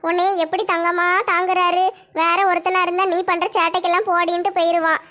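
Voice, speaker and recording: A woman's voice: extremely high pitch, little pitch movement, brisk, fairly bright tone. A woman voicing a bossy, scolding middle-aged village woman in a cartoon. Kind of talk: cartoon voice acting.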